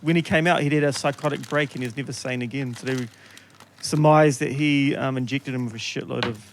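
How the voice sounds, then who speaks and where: A man's voice: mid-range voice, steady tone, brisk, slight background noise. A man hosting a casual podcast chat, laid-back and joking, swearing freely. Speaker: podcast host.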